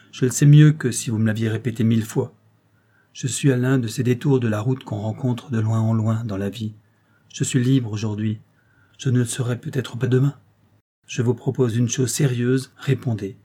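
A man's voice: mid-range voice, steady tone, normal speed, dark tone, breathy edge, close to an everyday voice. A man voicing a proud, feverish young actress who talks in a curt, imperious, pressing way. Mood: urgent, proud.

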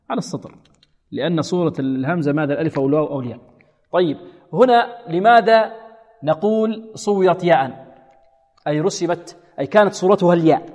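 A man with a fairly high voice leads a tajwid lesson. He questions his students, answers himself and drills words slowly. His voice rings through a large hall with a long reverb. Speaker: Quran recitation teacher.

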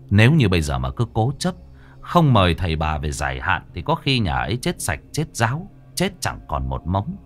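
A man narrating a ghost story in a slow, somber way. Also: deep voice. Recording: faint music behind the voice.

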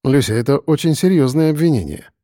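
A man reading an audiobook, voicing a stern man who speaks calmly and matter-of-factly. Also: fairly high pitch, fairly quick, no echo, studio quality, close to an everyday voice. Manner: calm, matter-of-fact.

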